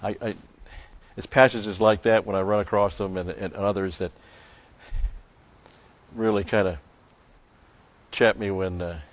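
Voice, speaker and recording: A man preaching a sermon in a measured way, with emphatic stresses. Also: sits low, steady tone, lo-fi sound. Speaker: pastor.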